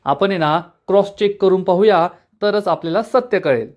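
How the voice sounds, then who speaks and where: A man's voice: sits high, normal speed, natural voice. A man reading the lines of a practical, scheming young sister-in-law in a serial recap. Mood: plotting.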